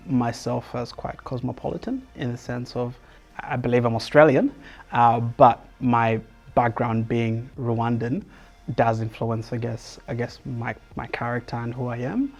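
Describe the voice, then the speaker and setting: A man's voice: mid-range voice, fairly even intonation, a little slow, muffled recording, soft background music. A young man giving thoughtful, hesitant interview answers with many fillers.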